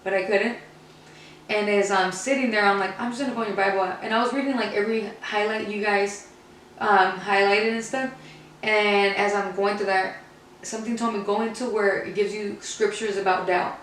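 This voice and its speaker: A woman speaks in a casual, candid storytelling way, like a podcast co-host sharing personal experience. Her mid-pitched voice rings in a very echoey room, picked up from a distance with faint noise. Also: steady tone, moderate pace, fairly bright tone. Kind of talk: casual personal faith conversation.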